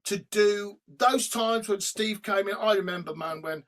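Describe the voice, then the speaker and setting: Animated bright-voiced man telling stories. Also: high voice, a little slow. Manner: animated, swears freely, hums and sings snippets. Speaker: guest, rock singer. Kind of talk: storytelling in a podcast interview. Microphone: remote call.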